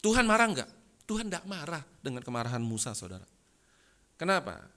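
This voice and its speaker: Male pastor, Indonesian accent, bright cutting tone, fiery sermon delivery with big volume swings. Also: a little high, sing-song, brisk.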